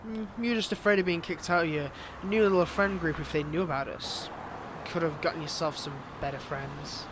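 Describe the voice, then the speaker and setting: In this dramatic audio roleplay aimed at the listener, a high-pitched male actor voices a scorned ex who's a flirtatious, taunting villain. He mocks and seduces with a teasing, stretched-out delivery while a noisy outdoor backdrop is clearly audible.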